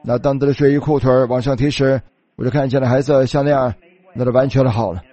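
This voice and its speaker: Mellow-voiced man preaching a sermon. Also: mid-range voice, steady tone, fast. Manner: starts many phrases with a filler "那". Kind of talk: sermon storytelling in Chinese voice-over.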